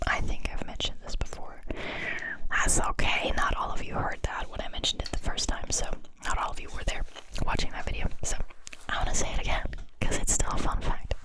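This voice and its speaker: Close breathy ASMR whisper, word repetition. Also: low-quality recording. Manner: soft, slow repetitive whispering of single words; chatty asides between repetitions. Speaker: ASMR creator. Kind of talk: ASMR whispering with trigger words.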